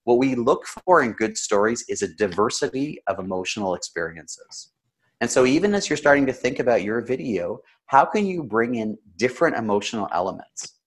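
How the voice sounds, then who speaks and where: A man who is slightly sick, coaching conversationally with examples in a practised storyteller's delivery, with emotion and deliberate pauses. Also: mid-range voice, animated, poor audio. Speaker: storytelling coach and interview guest.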